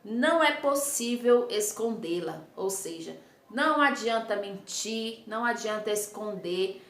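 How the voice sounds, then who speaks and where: A Brazilian woman teacher giving a recorded phonics lesson to young pupils, slowly sounding out syllables and checking in with frequent tag questions. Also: medium pitch, bright, forceful tone. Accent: Brazilian Portuguese. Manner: slow, patient, spelling sounds out with many tag questions. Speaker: primary school teacher. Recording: echoey room recording.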